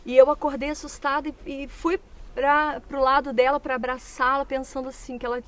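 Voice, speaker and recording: A woman with a high, bright-toned voice gives a church testimony in a sit-down interview. She tells her story vividly and slips into the voices of the people in it. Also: level tone, fairly quick. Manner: vivid storytelling, acting out quoted speech. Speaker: church member giving a testimony; mother.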